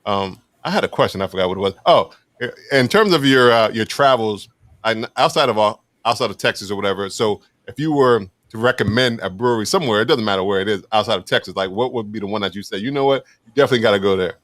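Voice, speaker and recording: A low-voiced man talks fast as a podcast co-host, doubling words as he gathers his thoughts. The sound is dry and close. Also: fairly bright tone, no room sound. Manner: quick, chatty, repeats words when thinking. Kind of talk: casual podcast conversation.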